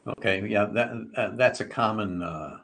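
A man hosting a business interview podcast, asking questions in a relaxed, folksy way with fillers. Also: fairly low pitch, moderate pace. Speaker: podcast host.

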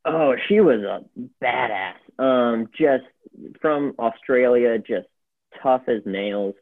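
A man's voice: mid-range voice, slow pace, no echo. A man telling a long story as a podcast guest. He talks in a loose, rambling way and uses a lot of fillers. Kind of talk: casual storytelling. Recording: phone-like narrow sound.

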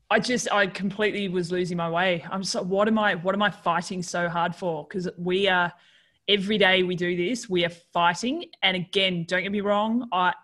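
A woman's voice: fairly low pitch, a bit bright. A woman hosting a podcast in casual conversation, chatty and full of fillers and restarts. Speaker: podcast host.

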